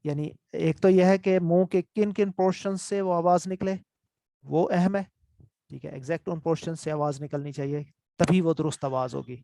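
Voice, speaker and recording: Man teaching in a gravelly voice. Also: fairly high pitch, steady tone, dark tone, dry recording. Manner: explanatory, repeats terms and checks understanding often. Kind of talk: online lesson with screen notes.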